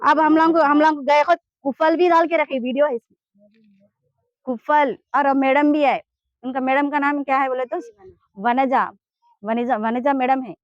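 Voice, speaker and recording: A woman's voice: high-pitched, fairly even intonation, moderate pace, no room sound, dull audio. A woman with a Hyderabadi Urdu accent, giving an urgent, pleading complaint in a street interview. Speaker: interviewee in a land dispute.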